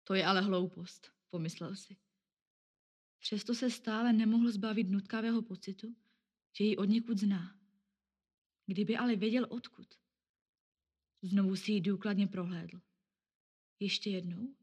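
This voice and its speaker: A woman narrating a story aloud in a calm, measured, scripted reading. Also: medium pitch, husky.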